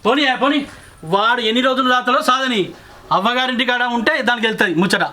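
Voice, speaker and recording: Defiant Telangana man, fast, bright. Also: very high voice. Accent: Telangana Telugu. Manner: defiant, mocking, quarrelsome. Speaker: drunken husband. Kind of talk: short film acting.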